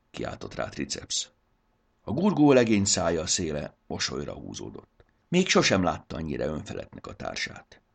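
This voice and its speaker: A man reading a children's fantasy story aloud with expressive narration. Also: low-pitched, gravelly, husky.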